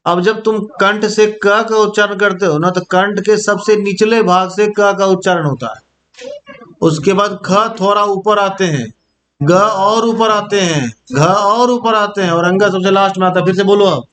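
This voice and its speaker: High-voiced man teaching grammar. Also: a little slow, fairly bright tone. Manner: demonstrates sounds aloud, keeps checking if students follow. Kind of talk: classroom-style grammar lesson.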